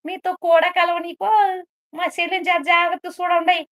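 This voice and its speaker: Woman playing a silly gossipy village woman, high voice, scolding, teasing, rambling comic live-stream banter. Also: monotone, moderate pace, a bit bright.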